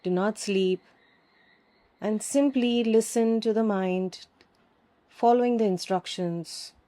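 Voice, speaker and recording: Long pauses break up the soothing, calm directions of a woman guiding a yoga nidra meditation in her mid-range voice.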